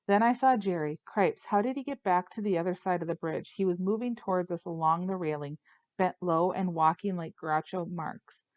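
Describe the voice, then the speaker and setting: Brief: woman narrator, lowish voice, dry close sound, somewhat dull and lo-fi. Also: normal speed, dry recording. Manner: steady, storytelling. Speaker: audiobook narrator. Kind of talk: first-person audiobook narration.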